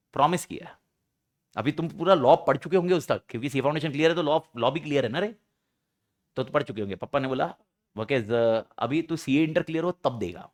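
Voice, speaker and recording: A young man with a high voice and an Indian accent leads a classroom lecture. He talks lively and animated. He keeps breaking into playful mock exchanges between students and parents to make his points.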